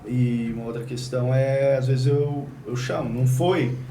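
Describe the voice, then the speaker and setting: A man interviewing a guest in a relaxed, conversational way, sharing his own experience and asking questions. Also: mid-range voice, normal speed. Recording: roomy, distant mic, faint noise.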